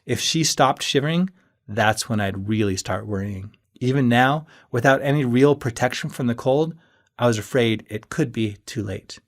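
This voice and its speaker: A man's voice: mid-range voice, normal speed. Man narrating an earnest audiobook. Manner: earnest first-person storytelling. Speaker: author reading his novel.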